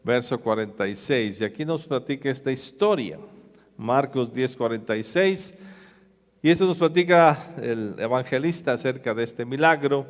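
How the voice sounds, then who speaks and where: A man preaching a sermon, retelling a scripture story in a lively, storytelling way. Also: mid-range voice, moderate pace, long reverb tail. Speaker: pastor.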